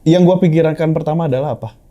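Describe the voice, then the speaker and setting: An earnest young man tells a personal story in a relaxed chat, stumbling and restarting as he quotes others. His voice is very dark and mellow. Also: a little high, quick pace, dull audio. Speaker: guest sharing a personal story. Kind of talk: casual heartfelt chat.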